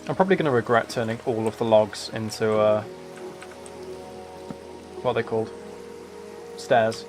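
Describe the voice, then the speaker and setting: A man with a lowish voice talks at normal speed while hosting a live game stream with background music. He keeps things casual, drifting between thoughts and wryly commenting on himself.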